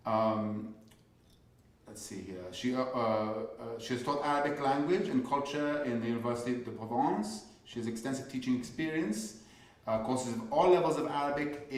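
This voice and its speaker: A man hosting a poetry reading, reading out guest introductions with many pauses, fillers and restarts. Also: medium pitch. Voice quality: hesitant, halting delivery. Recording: echoey room, far from the mic.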